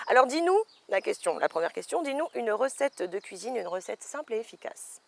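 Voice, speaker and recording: A woman's voice: a little high, very animated, moderate pace, vocal fry. A woman hosting a chat show, cheerful and giggly as she leads a game. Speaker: host. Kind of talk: casual chat show interview.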